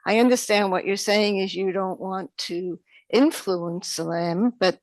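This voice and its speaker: A woman with a New York accent giving public comment at a township meeting, halting with many fillers and restarts. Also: mid-range voice, darkish tone, no echo.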